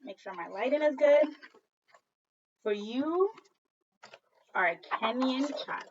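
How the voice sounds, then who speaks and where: A second grade teacher with a high voice reads a story aloud to young children, her intonation swinging widely and expressively. She stops to ask prompting questions and repeat things for the class in this read-aloud lesson. The lo-fi, slightly dull audio resembles a home video, with slight background noise.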